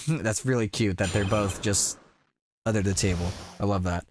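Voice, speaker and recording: A man's voice: on the low side, measured pace, noisy background. A man streaming a game live, commenting casually, joking and swearing.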